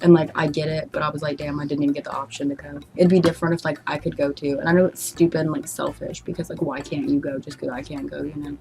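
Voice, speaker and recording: A woman's voice: deep voice, level tone, fast, gravelly, hardly any pauses, darkish tone, faint music behind. A young American woman chatting casually, telling things in a rambling way with quoted back-and-forth. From United States. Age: young adult. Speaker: vlogger answering an ex's questions. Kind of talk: casual chat.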